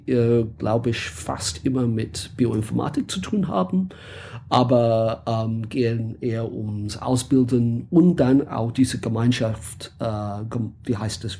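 A man's voice: medium pitch, gravelly, warm tone, slight background noise. A man from England with an English accent, a guest in a casual interview, speaking hesitantly with many fillers and searching for words.

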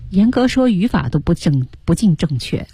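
A woman's voice: on the low side, sing-song, moderate pace, dark tone, soft background music. A woman co-hosting a radio English lesson, drilling stress and linking by repeating words and phrases. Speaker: English teacher, radio co-host.

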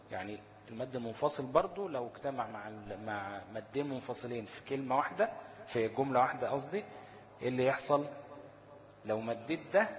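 A man with an Egyptian Arabic accent teaching a tajweed lesson. He keeps asking rhetorical questions, answers them himself, and slows down to chant short recited examples. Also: mid-range voice, big-room sound, rough recording.

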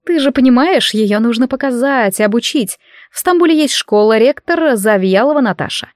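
A woman's voice: fairly high pitch, expressive, moderate pace, no echo, studio quality, lightly acted. A woman reader voicing a scheming adult head witch who talks in a venomous, honeyed way.

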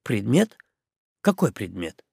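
A stern, gloomy sea captain, as a male reader puts him on, speaking low and curt. His voice is gravelly and slow, with a dry, close sound. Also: big pitch swings, a little mellow, no room sound, heavily acted.

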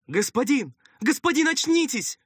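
A man's voice: extremely high pitch, big pitch swings, moderate pace, breathy edge, no echo, studio quality, pitched above the performer's own voice, exaggerated voice. A man voicing an eager, flustered young male servant who pleads anxiously in an audiobook.

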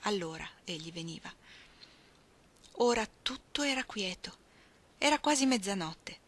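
A woman reading a novel aloud, slow and expressive, sometimes dropping to a soft whisper. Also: mid-range voice. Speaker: audiobook reader. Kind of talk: literary reading.

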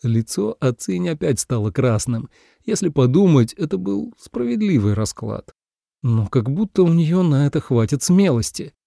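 Gravelly male audiobook narrator. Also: on the high side, sing-song, normal speed, mellow, no room sound, clean studio sound.

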